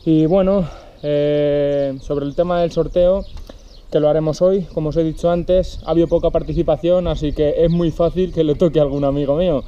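A man's voice: fairly high pitch, steady tone, moderate pace. A man in his thirties with a Peninsular Spanish accent, vlogging outdoors in casual chat to camera. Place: outdoors, park and hilltop picnic area. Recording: dull sound with loud outdoor noise.

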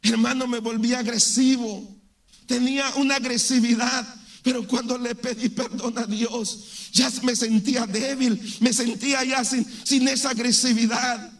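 A man's voice: very high voice, little pitch movement, a little slow. A man from Mexico, giving a fervent church testimony and often calling listeners brother.

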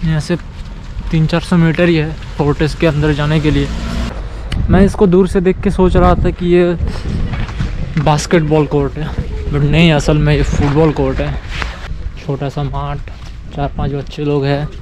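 A man's voice: fairly high pitch, flat delivery, normal speed, pauses often. A young man in his twenties chatting casually as a travel vlogger, rambling while walking outdoors with a camera at arm's length. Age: 20s. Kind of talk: casual vlog narration. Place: outdoors on rainy city streets. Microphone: handheld action camera at arm's length. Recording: loud street noise.

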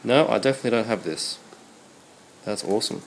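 A brisk Australian video host with a low voice and vocal fry unboxes something casually at his computer desk indoors. His cold leaves him congested, yet he stays understated and appreciative. Background noise holds steady throughout.

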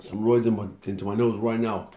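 A young adult man talks fast and flatly in a lowish voice while vlogging to his phone at arm's length in his kitchen. He jokes casually in slang banter. The audio is reverberant and very noisy.

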